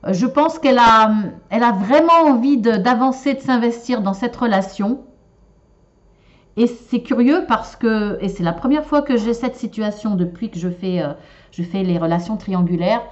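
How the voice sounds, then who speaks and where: A woman's voice: fairly high pitch, normal speed. A woman giving a relationship card and shell reading to viewers, talking in a hesitant, casual way with many fillers and restarts. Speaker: tarot and shell reader. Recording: slightly dull lo-fi sound.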